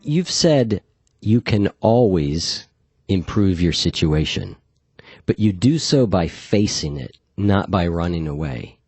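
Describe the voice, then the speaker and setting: A man's voice: sits low, expressive, slow, darkish tone, breathy edge, dry recording. A man hosting a podcast interview, asking conversational questions and hedging them with fillers. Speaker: podcast host.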